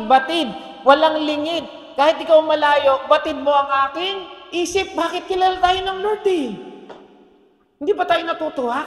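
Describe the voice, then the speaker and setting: A man with a Filipino accent preaching a sermon as pastor, animated and joking, often asking the congregation questions. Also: very high voice. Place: church hall. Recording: echoey hall reverb.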